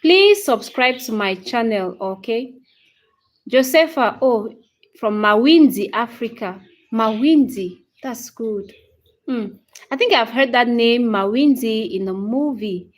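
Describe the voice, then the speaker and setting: This thirty-something livestream host teaches English casually, her Cameroonian accent clear in a high-leaning, animated but slow voice. She says hello to each viewer by name, answers comments one after another, and keeps repeating phrases with frequent "okay?" check-ins.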